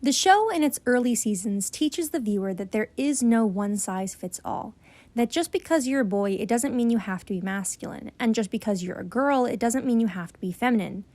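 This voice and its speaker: A woman's voice: on the high side, a little mellow, no room sound. A woman narrating a scripted video essay in an earnest, explanatory way.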